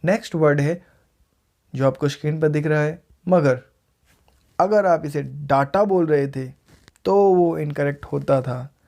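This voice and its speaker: Indian guy teaching english words, says each one slow and clear a couple times, kinda dark mellow voice. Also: a little high. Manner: repeats words slowly and clearly for learners. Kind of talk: casual video lesson.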